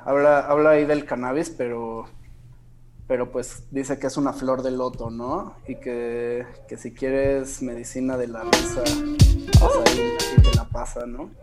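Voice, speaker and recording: Man, Mexican accent, radio guest, laid-back, lots of fillers, mid-pitched voice. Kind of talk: casual radio interview.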